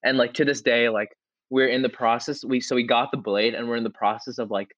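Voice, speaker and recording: A young podcast co-host tells a story casually and excitably, full of "like" and restarts. His medium-pitched voice is brisk, and there's no echo.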